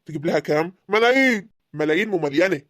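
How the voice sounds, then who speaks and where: A woman voicing a boastful young village man in an animated drama, with an Egyptian accent. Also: on the low side, rapid-fire, no room sound, clean studio sound. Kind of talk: cartoon voice acting.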